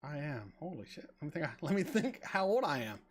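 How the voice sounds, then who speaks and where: A man's voice: a little high, very animated. A man in his forties chatting casually on a live stream, answering viewers and often stumbling over repeated words. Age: 40s. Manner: rambling, halting with repeated words. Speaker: reaction channel host reading chat.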